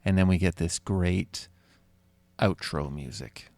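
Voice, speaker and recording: A man hosts a podcast with a very low, gravelly voice. He talks about films casually, with frequent fillers. The sound is dry and close. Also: slow pace, no room sound. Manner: relaxed, with many fillers. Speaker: podcast host. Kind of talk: casual film discussion.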